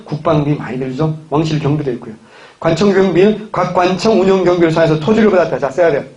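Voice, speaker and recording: Man, history lecturer, lively classroom talk, raised pitch, dull lo-fi sound. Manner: chatty, joking asides to students. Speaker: civil service exam history lecturer.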